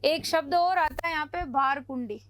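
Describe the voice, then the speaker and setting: A woman's voice: sits high, unhurried, fairly bright tone, slight background noise. A woman teaching an exam coaching lecture, playful and acting out little voices to make facts stick.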